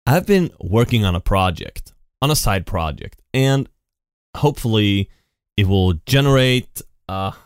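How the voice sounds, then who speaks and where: On the low side, this man's voice comes through clean and studio-quality with no room sound. He hosts his own podcast from a home computer setup, using a studio mic with effects, and rambles off the cuff alone, restarting repeatedly and saying "and" again and again.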